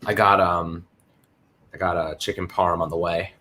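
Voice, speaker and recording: Dude hosting a sports stream, lowish voice, all hyped and slangy, shouting out the chat. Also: male voice, steady tone, normal speed. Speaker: livestream host.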